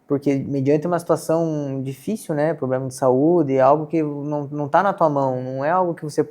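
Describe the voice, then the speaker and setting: A man's voice: a little high, fairly even intonation, brisk, a little mellow. A Brazilian man hosting a casual faith podcast interview, asking questions and padding them with fillers. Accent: Brazilian Portuguese. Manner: asks questions with many "cara" and "né" fillers. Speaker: podcast host.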